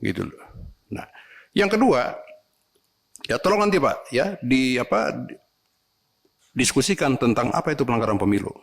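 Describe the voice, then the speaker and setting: Animated gravelly man in a hearing. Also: mid-range voice, moderate pace, pauses often. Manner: animated, complaining, ends phrases with "Pak". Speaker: legislator questioning election officials. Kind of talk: parliamentary hearing remarks. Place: parliament hearing room.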